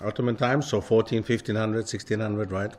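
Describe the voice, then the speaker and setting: A man with a fairly low, somewhat mellow voice and fairly even intonation gives a brisk, interactive lecture in a lecture hall. He often stops to pose questions to the live audience, quizzing them.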